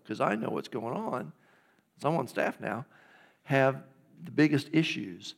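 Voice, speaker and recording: A man's voice: mid-range voice, creaky. A middle-aged man, a pastor preaching a conversational sermon in a church and checking in with the congregation. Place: church sanctuary.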